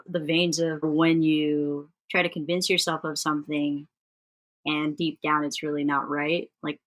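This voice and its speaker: A woman with a notably low-pitched voice hosts a podcast interview. She talks casually and in a relaxed way, affirming her guest and nudging the talk forward with easy questions. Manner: warmly affirming, relaxed, conversational. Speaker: podcast host.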